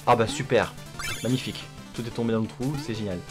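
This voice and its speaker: A man's voice: medium pitch, steady tone, quick pace. A man giving casual gameplay commentary, with sweary, self-mocking asides. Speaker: gamer commentating a playthrough. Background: game music.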